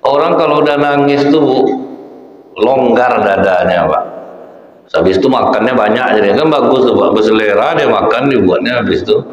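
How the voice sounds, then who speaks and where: Animated male preacher in an echoey hall. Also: medium pitch, moderate pace. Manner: animated, addresses the audience as Pak and Bu. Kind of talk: sermon. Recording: echoey, dull hall recording.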